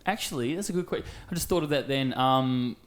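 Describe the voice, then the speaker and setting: An Australian man in his thirties, co-hosting a casual podcast chat and telling animated, sweary stories with acted-out quotes. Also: mid-range voice, brisk. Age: 30s. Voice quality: swears freely, animated storytelling with put-on quotes. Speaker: podcast co-host.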